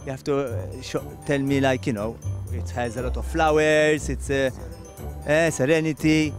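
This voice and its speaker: A man's voice: medium pitch, fairly even intonation, normal speed, faint music behind. A man in his thirties with a Maltese accent, hosting an outdoor TV segment in a garden, coaching his guest and repeating himself before turning sentimental. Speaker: TV host. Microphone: handheld microphone.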